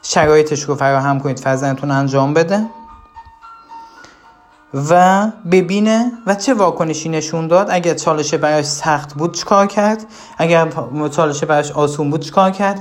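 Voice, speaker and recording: A parenting coach giving a recorded course lesson, speaking directly to parents with firm instructions and rhetorical questions. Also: mid-range voice.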